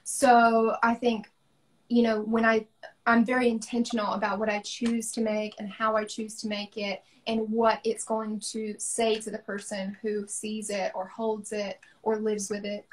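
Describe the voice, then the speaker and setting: A woman's voice: medium pitch, flat delivery, a little slow, slight background noise. A young woman from the American South, an artist talking thoughtfully about her work over a video call, with frequent ums. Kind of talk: casual conversation on a livestream.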